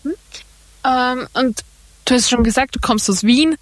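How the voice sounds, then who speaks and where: A woman's voice: high-pitched, unhurried, no echo. A woman radio presenter asking a guest friendly interview questions, with a few fillers as she goes.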